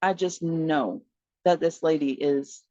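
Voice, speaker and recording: An animated woman guest telling her own story, jumping into the voices of the people she quotes and laughing along the way. The sound is dull and lo-fi, like remote call audio. The room is dry and close, with no echo. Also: low-pitched, slow pace. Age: adult mother of four. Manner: frequent laughter and fillers. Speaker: podcast guest. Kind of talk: personal storytelling in conversation.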